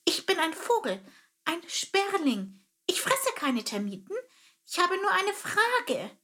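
A woman puts on a small, curious male sparrow in a storybook reading, high-pitched and chirpy. He talks in an eager, polite rush and lifts his voice up high. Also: big pitch swings, takes it slowly, pushed and bright, full character voice.

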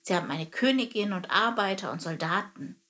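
Woman reading a kids' storybook, calm and steady, middle pitch. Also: a little fast. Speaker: narrator. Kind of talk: scripted narration of a children's story.

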